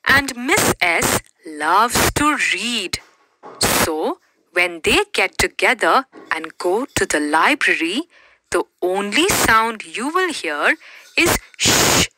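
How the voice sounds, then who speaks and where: Slow, sing-song woman teaching phonics. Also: heavy background noise. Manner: exaggerated, drawn-out and encouraging, with big pitch swings. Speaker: narrator of a phonics lesson for preschoolers.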